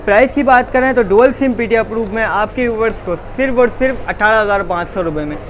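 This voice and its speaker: A man with a Pakistani accent selling phones in an insistent teleshopping-style pitch, repeating prices and stock phrases as he runs through models. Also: quick pace. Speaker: phone seller. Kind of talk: rapid sales pitch listing models and prices. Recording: busy street noise and chatter.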